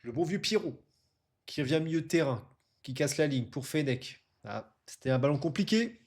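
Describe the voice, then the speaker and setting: A man's voice: fairly high pitch, lively intonation, moderate pace, darkish tone. A man casually presenting and commentating live on an online football tournament as its streamer and host.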